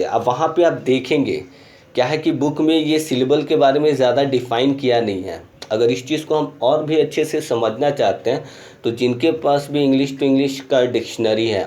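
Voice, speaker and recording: A man's voice: medium pitch, darkish tone. A male school teacher giving a recorded grammar lesson, explaining step by step and often checking in with "theek hai". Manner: explains slowly in Hindi mixed with English terms, keeps saying "theek hai". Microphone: screen recording.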